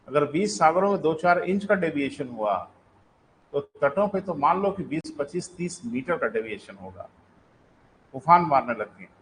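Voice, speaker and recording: A man teaches a live online class in a conversational way, calling his students "beta" and slowly repeating key sentences so they can write them down. His voice is on the high side with a fairly bright tone, and the low-quality recording has slight background noise.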